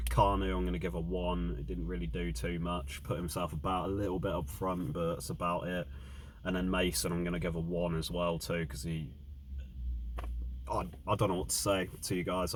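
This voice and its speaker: A man's voice: low voice, a little hiss or hum. A young man giving an exasperated, blunt and emphatic fan's review of a football match, rating players for his viewers.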